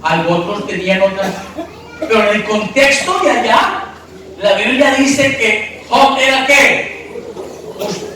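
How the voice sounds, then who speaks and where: A pastor preaching emphatically, asking the congregation questions and breaking into shouts, recorded from a distance in an echoey church hall. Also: male voice, high-pitched, takes it slowly, pauses often, a little hiss or hum. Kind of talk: sermon.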